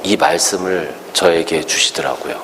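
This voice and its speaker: A man preaching a storytelling sermon as a pastor, animated and acting out the characters' words. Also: low voice, normal speed, in a large hall, a little hiss or hum.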